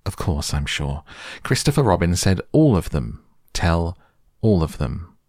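A man's voice: low-pitched, lively intonation, measured pace, a little mellow, dry recording, clean studio sound, heavily acted. A man voicing a fussy, impatient owl with an emphatic, rather pompous manner, for a storybook. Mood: fussy, insistent.

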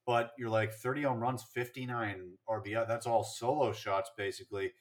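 A man's voice: medium pitch, steady tone, moderate pace. A man co-hosting a casual sports podcast, chatting and rattling off statistics with fillers and restarts. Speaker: podcast co-host.

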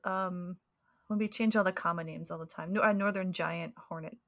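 A woman co-hosting a podcast over a video call, explaining insects in a relaxed, casual way with easy laughter. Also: on the low side, normal speed. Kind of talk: casual chat.

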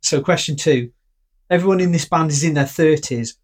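A podcast co-host reading out a quiz in casual chat, laid-back and quick to giggle. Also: medium pitch.

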